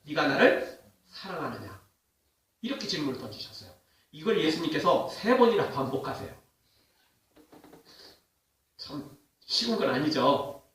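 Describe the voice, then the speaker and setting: A man preaching a sermon with an animated, high-pitched voice whose pitch climbs and drops constantly. He keeps throwing questions at the congregation. The sound is heavily echoey and comes from well back from the microphone. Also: normal speed, pauses often, distant mic. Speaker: pastor. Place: church sanctuary.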